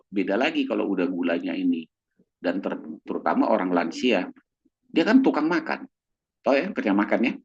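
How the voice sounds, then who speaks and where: A doctor giving a casual church talk on mental health, animated and fond of acting out the voices of the people he describes. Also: husky, muffled recording. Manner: animated, acts out quoted voices in a raised pitch. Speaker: doctor guest speaker.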